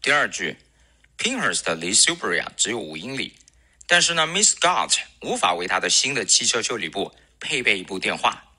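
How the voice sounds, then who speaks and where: Deep lively male English teacher. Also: slightly rough. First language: Chinese. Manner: explains slowly, models English words with drawn-out repetition. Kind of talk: recorded pronunciation lesson.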